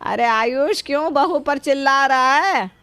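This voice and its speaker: A woman voicing a protective, soft-hearted older mother-in-law in a cartoon, scolding gently and coaxing. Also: sits high, unhurried, no echo. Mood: fond. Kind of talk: cartoon voice acting.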